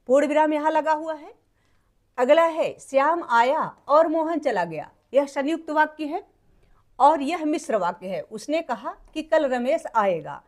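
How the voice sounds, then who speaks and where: A woman with a high voice explains a grammar lesson to children. She goes step by step, repeats each point and rephrases it in simpler words, the way a patient classroom teacher does.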